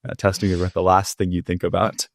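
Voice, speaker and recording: A young man from California, a startup founder guest in a casual interview, talking in a relaxed, rambling way with many fillers, calling in from home. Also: low-pitched, a little fast, no echo. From California, Bay Area. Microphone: remote call.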